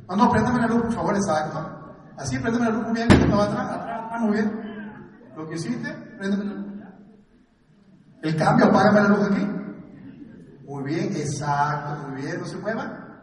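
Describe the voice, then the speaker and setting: Brisk man directing a crowd. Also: sits high. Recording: echoey hall from far off, loud noise.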